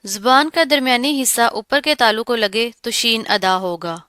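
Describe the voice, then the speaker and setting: A woman who teaches Quran recitation gives an animated pronunciation lesson, explaining each sound and then pronouncing it slowly and at length. Her voice is bright, crisp and slightly high, recorded close and dry with no room sound.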